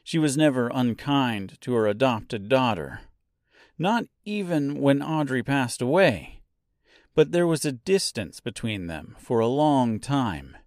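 A man's voice: medium pitch, a little mellow, no echo, studio quality. A man reading a novel aloud as scripted narration, drawing out key words for drama. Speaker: audiobook narrator.

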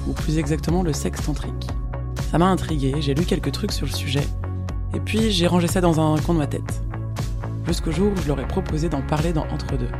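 A woman hosting a podcast, reading a calm, measured scripted intro. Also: deep voice. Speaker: podcast host.

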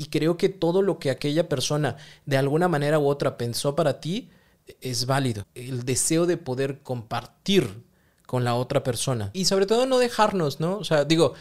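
A man, talking with his partner in an earnest, reflective casual conversation. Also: mid-range voice. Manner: earnest, reflective, laughs easily.

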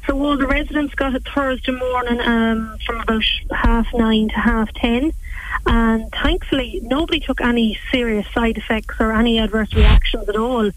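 A woman's voice: on the high side, fairly even intonation, normal speed, rough recording. A young woman with a Cavan accent from Ireland, chatting earnestly and informally as an interview guest, talkative and colloquial. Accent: Irish, Cavan. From West Cavan, Ireland. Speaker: nursing home healthcare worker, interview guest.

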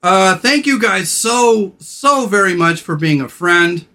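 A man hosting a podcast, brash and irreverent, loud radio-style delivery that drops to low, slow, soft talk when sincere. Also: lively intonation. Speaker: podcast host. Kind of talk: casual podcast chat.

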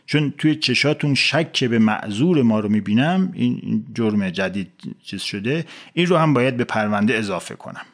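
A man's voice: mid-range voice, animated, hardly any pauses. A man playing a pompous morality officer. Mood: scolding. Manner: bossy, lists charges. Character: stern male morality officer, pompous and nagging.

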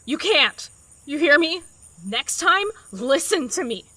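A woman's voice: sits high, very animated, slow, pushed and bright, dry recording, full character voice. An actress playing a feisty, blunt but tender woman in love in an audio drama. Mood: exasperated, upset.

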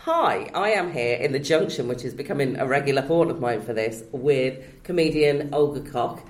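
A woman's voice: a bass voice, lively intonation, normal speed, darkish tone. A woman in her forties hosting a podcast interview, chatty and self-deprecating, laughing easily. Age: 40s. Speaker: podcast host. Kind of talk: casual interview chat. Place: comedy venue. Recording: echoey room.

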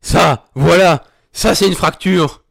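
A man's voice: a little high, unhurried. An actor playing a grieving, vengeful sergeant who snarls, taunts and swears at his captive. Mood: raging. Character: grieving vengeful male sergeant, furious, crude. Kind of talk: audio drama acting.

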